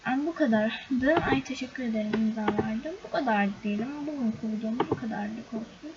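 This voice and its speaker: A woman's voice: a little high, a little fast. A young woman chatting casually to her viewers over a game screen recording, often exasperated. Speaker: gaming YouTuber. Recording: dull lo-fi recording with loud background noise.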